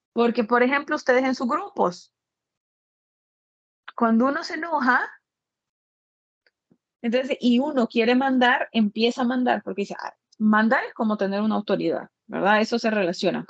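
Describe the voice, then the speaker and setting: A woman's voice: fairly high pitch, no room sound, lo-fi sound. A woman architect lecturing her students in a plain-spoken way, repeating each point with everyday examples.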